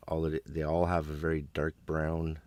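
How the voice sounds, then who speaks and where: Very deep-voiced man, blunt and profane. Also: monotone, normal speed, darkish tone. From Canada. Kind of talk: casual chat.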